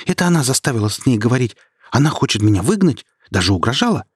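A man reading an audiobook and voicing a scheming, mocking young woman rival in a raised, louder voice. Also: medium pitch, sing-song, fast, breathy edge, dry recording, clean studio sound, pitched above the performer's own voice. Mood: pleading. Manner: mocking, then pleading.

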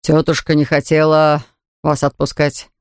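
A woman reading an audiobook, voicing a calm middle-aged male doctor in a slow, measured way. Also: sits low, clean tone, no echo. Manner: slow, measured and gently dry.

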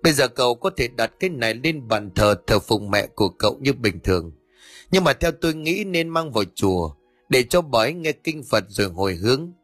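A man's voice: mid-range voice, very animated, brisk, fairly bright tone, dry recording, soft background music. A male narrator voicing a stern middle-aged exorcist who scolds his son. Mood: calm.

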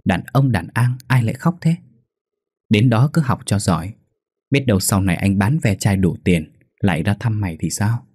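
A man voicing a poor, tough boy who acts as a protective big brother, talking gruffly. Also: on the low side, animated, normal speed, a little mellow, dry recording, studio quality. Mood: consoling.

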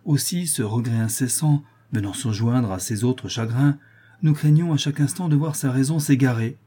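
A man's voice: medium pitch, normal speed, dark tone, husky, close to an everyday voice. A man reading aloud, voicing a scheming aristocratic woman who pleads and persuades. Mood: pleading. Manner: pleading then coldly threatening.

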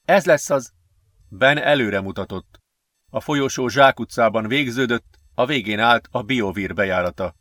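A man narrates a science-fiction adventure book in a steady, measured storytelling voice. His pitch is middling and plain. The recording is dry and close, with no room sound. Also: dry recording. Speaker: audiobook narrator. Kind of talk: scripted narration.

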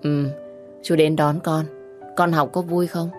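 A woman voicing a calm, helpful young man who speaks softly and reassuringly. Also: deep voice, measured pace, faint music behind. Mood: gentle.

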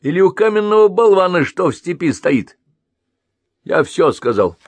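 A man's voice: fairly low pitch, animated, measured pace, no echo, pitched above the performer's own voice. A man voicing a big-headed immortal male elder who speaks in a commanding, curt way. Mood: scornful.

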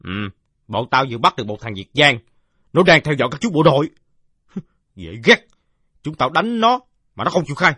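A brash village boy, as a male narrator voices him, loud and bossy, his raised voice bouncing up and down. The sound is husky and dry, close to the mic. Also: a little high, sing-song, rapid-fire, few pauses, no room sound, pitched above the performer's own voice, heavily acted. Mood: boastful.

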